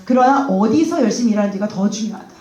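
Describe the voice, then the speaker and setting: A woman's voice: mid-range voice, animated, fast talker, dark tone. A middle-aged woman giving a motivational stage talk, telling stories with laughs and acting out dialogue. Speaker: speaker at a company event. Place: large event hall. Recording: echoey hall sound.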